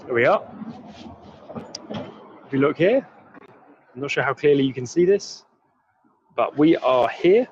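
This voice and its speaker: An English man teaches while he walks outdoors through busy streets, sharing a live stream and reading out viewer comments. His voice sits at a middle pitch and stays friendly as he slowly explains words. The stream sounds a little muffled and lo-fi. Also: expressive, a little mellow, slight background noise. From England. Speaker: English teacher giving a live walking tour. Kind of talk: live-streamed walking tour lesson.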